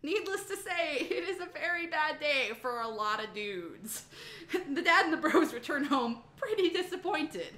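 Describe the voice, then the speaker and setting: This amateur reader has a high, sing-song voice with a sharp edge, speaking at normal speed in a reverberant space. She performs a humorous myth retelling with sass and emphasis, drawing out words for laughs amid lively, profane narration.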